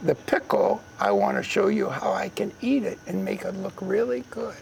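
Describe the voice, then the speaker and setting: Gravelly high-voiced man telling jokey stories. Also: moderate pace, a little hiss or hum, low-quality recording. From Detroit area, USA. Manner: animated, joking storyteller who acts out voices. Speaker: podcast guest. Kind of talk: casual storytelling chat.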